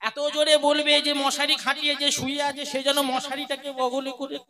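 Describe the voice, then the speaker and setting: A man's voice: extremely high pitch, level tone, normal speed. A man leading a devotional kirtan, singing chants and preaching between them, coaxing the crowd to chant along. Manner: leads call-and-response chanting, coaxes the crowd. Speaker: kirtan singer. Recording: live with loud music. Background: tabla and harmonium music.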